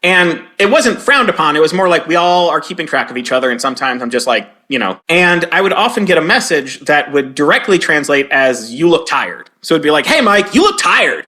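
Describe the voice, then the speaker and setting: A man in his forties, a game localizer and comedy writer, tells stories as a guest in a conversational interview. His voice is a little high with a sharp tone, and he acts out quoted lines in a raised voice.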